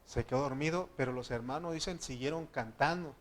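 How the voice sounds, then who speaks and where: A pastor with a Mexican Spanish accent delivers a conversational sermon full of anecdotes, then closes with fervent prayer. His mid-range voice moves fairly quickly, with slight background noise.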